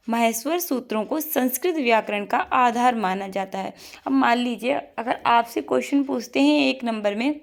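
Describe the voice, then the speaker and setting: Higher-voiced woman teaching an online lesson. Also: creaky. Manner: drills by asking and answering herself, repeating each item. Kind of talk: exam-prep online lesson.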